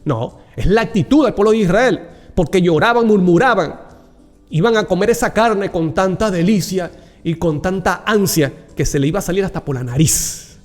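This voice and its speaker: A man's voice: high-pitched, moderate pace, a little mellow. A man preaching a Bible reflection, earnest and personal, calling the listener dear brother. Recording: long hall reverb with faint music behind.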